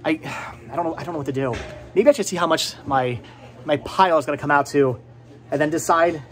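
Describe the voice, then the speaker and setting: In a small, cluttered movie and game store, a middle-aged man speaks in a highish, fairly bright voice at a fairly quick clip while hosting a laid-back vlog. He wanders in his talk, repeats words for emphasis, and is recorded on a phone or camera at arm's length.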